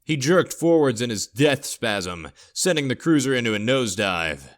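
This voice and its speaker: A man narrating a scripted horror story in a steady, low storytelling voice. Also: normal speed.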